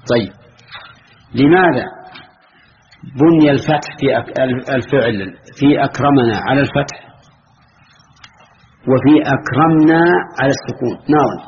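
Brief: male grammar teacher, patient and quizzing, lo-fi recording with faint hiss. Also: mid-range voice. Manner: quizzing, patient, repeats key words slowly. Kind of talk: classroom lesson with questions to students.

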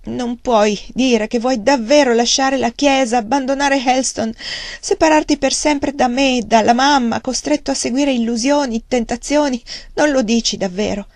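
A woman's voice: medium pitch, normal speed, darkish tone, no echo, studio quality, natural voice. A woman reading an earnest, anguished young daughter who pleads with emotion, in an audiobook. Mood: pleading.

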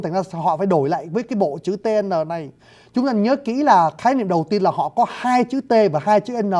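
In this video lesson on scripts and sounds, a male language teacher speaks courteously to his viewers and models how things are pronounced. He has a high-pitched, warm voice.

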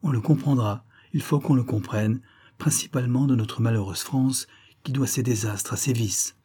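A man reading a classic adventure novel aloud in a measured, expressive way. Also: medium pitch, slightly rough. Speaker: audiobook reader. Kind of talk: audiobook narration of a classic novel.

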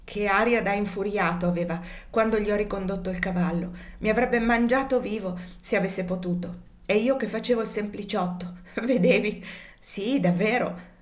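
A woman voicing a cunning young male servant in a storybook reading, mock-humble and gleeful, raising her voice high for him. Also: moderate pace, close to an everyday voice.

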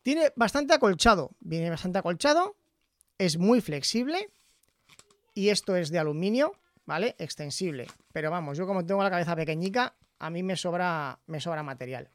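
A man from Zaragoza, Spain, chatting casually into a studio microphone as he reviews his headphones, often tagging his phrases with a quick question. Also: a little high, animated, no echo. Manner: chatty, tags phrases with "¿vale?". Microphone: studio microphone in front of him.

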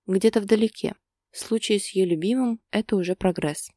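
A woman narrating a romance story in steady, scripted audiobook style. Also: mid-range voice, brisk, no room sound, clean studio sound.

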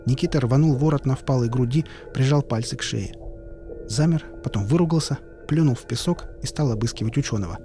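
A man's voice: medium pitch, fairly quick, dark tone. Man narrating an audiobook over music. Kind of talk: scripted narration.

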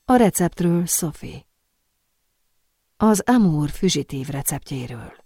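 Nobleman villain, cool and measured, voiced by a female reader; keep the tone low and dry. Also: breathy edge, no echo, heavily acted. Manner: calm, measured, self-satisfied. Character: calm scheming Italian nobleman, middle-aged man.

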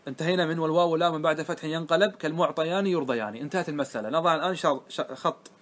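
A man teaching a grammar class to students, often asking them whether it is clear and repeating key words. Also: on the high side, racing, fairly bright tone. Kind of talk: classroom lesson.

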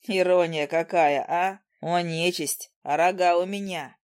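A woman's voice: lowish voice, fairly even intonation, a little slow, darkish tone, dry recording, studio quality, close to an everyday voice. A woman voicing a jealous, hot-headed young man who jeers sarcastically. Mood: sarcastic. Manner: sarcastic, jeering.

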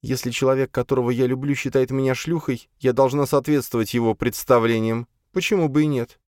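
A man voicing a jealous, jilted young woman with shrill, wounded, pleading lines in an audiobook. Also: steady tone, fairly quick, a little mellow, no room sound, clean studio sound, close to an everyday voice.

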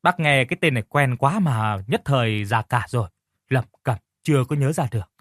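A man voicing a gruff, fatherly older village man who talks bluntly and bossily. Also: medium pitch, normal speed, a bit bright, dry recording, clean studio sound, close to an everyday voice. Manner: blunt, bossy, scolding. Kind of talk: audiobook character reading.

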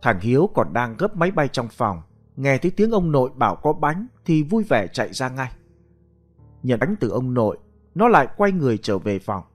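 A man narrating a ghost story in an expressive storytelling voice. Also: medium pitch, moderate pace, soft background music. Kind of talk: scripted narration.

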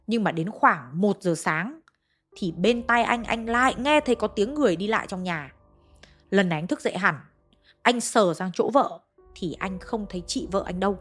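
Hanoi woman telling a ghost story. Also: medium pitch. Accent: Hanoi Vietnamese. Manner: conversational, addresses listeners.

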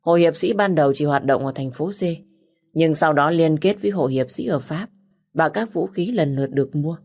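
A composed male doctor explains himself in a steady, measured way in an audiobook, read by a woman. The voice is low-pitched and even. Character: calm, firm male doctor. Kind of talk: audiobook character reading.

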